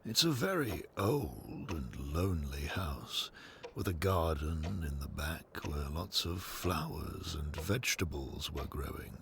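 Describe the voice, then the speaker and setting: In a low, gravelly voice, a man narrates an audio drama slowly and deliberately, like someone reading a storybook aloud. His delivery is animated, with clear noise and ambience behind him.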